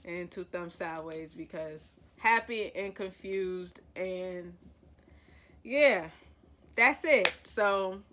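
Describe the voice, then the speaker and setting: A woman vlogger giving her opinions on a series in an animated, chatty, opinionated way. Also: lowish voice, slow pace, slight background noise. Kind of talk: casual review chat.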